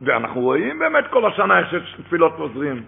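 A man's voice: huge pitch swings, vocal fry. Fiery man preaching over a tinny line. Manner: swings between loud cries and low murmurs. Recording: tinny phone-like recording.

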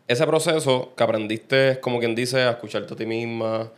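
Relaxed, chatty male host. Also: mid-range voice. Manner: relaxed, chatty, quick affirmations. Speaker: podcast host. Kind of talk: casual interview chat.

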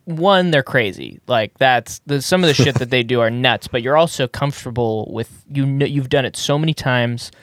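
A man's voice: medium pitch, moderate pace, few pauses, a bit bright, no echo. Easygoing man in dry, close podcast chat. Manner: easygoing, agreeable, restarts often. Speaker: podcast co-host. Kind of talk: casual movie review chat.

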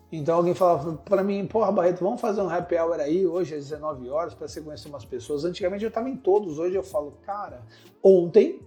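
A Brazilian man with a slightly high, darkish voice hosts a podcast lesson offering business advice. He talks in slang and fires off punchy rhetorical questions.

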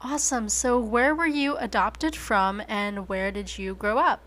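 A woman's voice: fairly high pitch, a little slow, fairly bright tone. A young woman in her twenties, from the United States, hosting a casual podcast interview in an upbeat, chatty way. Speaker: podcast host.

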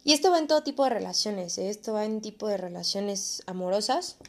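A woman's voice: mid-range voice, fairly quick. A young adult woman with a Mexican accent, talking in an earnest, encouraging, casual way in a reflective vlog monologue. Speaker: vlogger.

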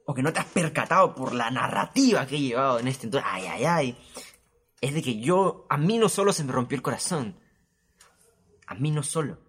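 With a breathy edge to his medium-pitched voice and a moderate pace, a young man with a Peruvian Spanish accent tells a personal story casually. The animated host leans on crude slang and jumps into quoted voices.

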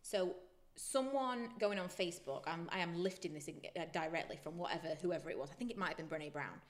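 A woman's voice: fairly low pitch, quick pace. Frank woman podcast co-host. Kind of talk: casual chat.

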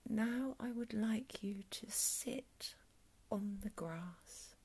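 A woman with a soft, calm whisper, guiding a breathing meditation in a soothing ASMR style. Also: a little high, very slow, breathy edge. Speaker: meditation guide.

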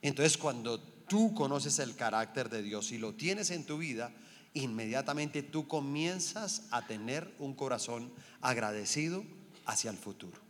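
A man's voice: medium pitch, expressive, unhurried, long reverb tail. A man preaching a sermon in a conversational way, often checking whether his listeners follow him.

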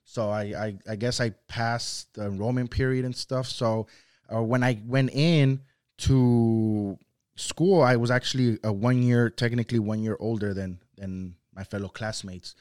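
Smooth, a little mellow, and unhurried, a young man speaks in a steady, medium-pitched voice as a guest on a casual podcast. He's from Mexico, grew up speaking Spanish, and rambles freely with constant "you know" and "like."

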